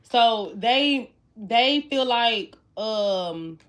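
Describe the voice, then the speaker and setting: Shuffling cards and clicks sound clearly through this recording of a casual tarot reading. The reader is a woman in her twenties whose voice is a little high, animated, very slow and fairly bright. She speaks straight to viewers in a chatty, repetitive way.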